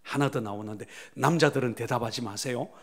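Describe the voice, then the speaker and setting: Fervent pastor in a reverberant church. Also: male voice, medium pitch, a little fast. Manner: dramatic swings between loud exclamations and hushed whispers; prods the congregation to answer and say amen. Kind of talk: sermon. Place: church sanctuary. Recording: long church hall reverb.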